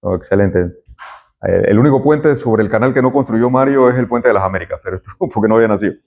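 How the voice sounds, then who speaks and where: A man's voice: mid-range voice, fast, vocal fry, dull audio. Friendly man taking class roll. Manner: friendly, chatty, jokes with students. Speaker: university lecturer. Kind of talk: classroom roll call and lecture.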